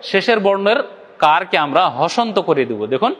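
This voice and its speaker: A man's voice: sits high, expressive, fairly quick, in a large hall. A man from Bangladesh teaching Quran recitation step by step, asking questions, answering them himself and stretching out demonstration syllables to the viewers. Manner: addresses viewers directly. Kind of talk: step-by-step lesson.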